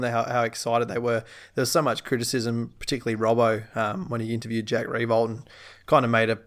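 A man's voice: mid-range voice, a bit bright. An Australian man talking casually about sport as a podcast host.

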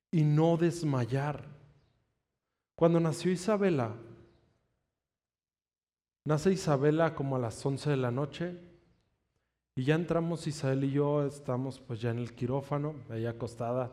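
A man's voice: a little high, warm tone. A man preaching a sermon, telling a personal testimony in an earnest way and stretching out emphatic declarations.

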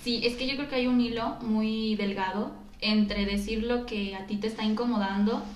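A woman in casual chat, setting out her views in a reasoned, measured way. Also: on the high side, steady tone, recorded from a distance. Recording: echoey room.

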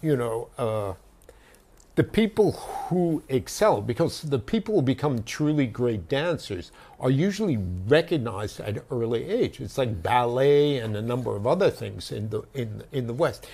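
A man with a gravelly, husky voice explains in a halting, reflective way. His tone is dark and relaxed, and he circles back over his own words. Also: medium pitch. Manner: thoughtful, halting, with many restarts and fillers. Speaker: author and guest. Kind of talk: conversational explanation.

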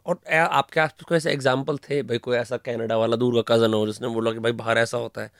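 A man's voice: medium pitch, steady tone, fairly quick, vocal fry, smooth, no echo, studio quality. A man hosting a podcast, chatty and curious, prompting his guest with follow-up questions. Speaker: podcast host. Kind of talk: casual interview.

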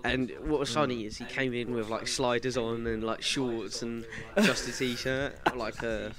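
Young podcast co-host, chatty and hesitant, chatter around him. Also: male voice, medium pitch, fairly even intonation, measured pace. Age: young adult. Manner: rambling, hesitant, many fillers. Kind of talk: casual chat.

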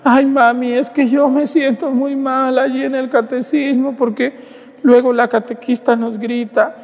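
A man's voice: very high-pitched, flat delivery, a little slow, vocal fry, pitched above the performer's own voice, full character voice. A man voicing a whiny little boy with a Mexican accent, pleading to skip catechism. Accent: Mexican Spanish. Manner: whining, pleading. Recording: echoey church with long reverb.

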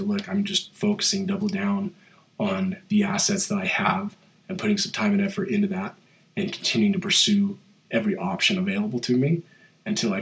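A man hosts a podcast on his own, and his fairly low voice has a nasal tone from a cold. He speaks in a motivational, pep-talk way and often fills pauses with "like" and "um". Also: low-quality recording. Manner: motivational, with many fillers like "like" and "um". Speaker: podcast host. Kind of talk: solo podcast monologue.

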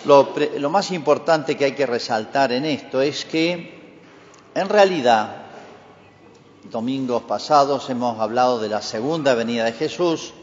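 A male priest reading the Gospel and preaching a homily in a measured liturgical cadence with emphatic rises, his voice ringing with long church reverb. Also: medium pitch, muffled recording, slight background noise. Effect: long cathedral-like church reverb. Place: large church.

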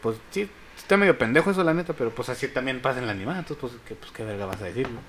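A young Mexican man co-hosting a podcast in fast, slangy casual chat. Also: mid-range voice, expressive, slight background noise. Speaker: podcast co-host.

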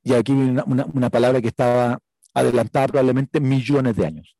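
Chilean preacher, soft dark voice. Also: male voice, medium pitch, quick pace, gravelly, dry recording, poor audio. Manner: chatty, checks in with listeners by asking "right?". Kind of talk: conversational sermon with a personal story.

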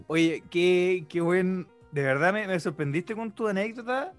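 A young man with a Chilean accent hosting a podcast, teasing his guest and laughing often. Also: high voice. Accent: Chilean Spanish. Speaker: podcast host. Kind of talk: casual podcast chat.

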